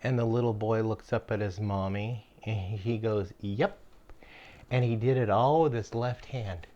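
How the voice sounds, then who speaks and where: A man's voice: fairly low pitch, steady tone, moderate pace, warm tone, muffled recording. An older man and homestead channel host telling jokes from his caregiving days in a folksy, rambling way, full of fillers. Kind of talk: casual storytelling.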